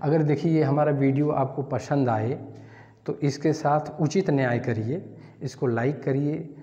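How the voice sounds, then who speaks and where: A man's voice: a little high, unhurried, warm tone. A man explaining grammar as a teacher, step by step, repeating words and asking questions back. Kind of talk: Hindi grammar lesson. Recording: dull, echoey, roomy sound.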